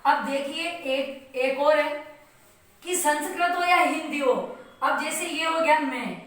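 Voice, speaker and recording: A woman teaching a lesson on reading words aloud, explaining slowly and patiently in a home video. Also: high-pitched, fairly bright tone. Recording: echoey room, from a distance.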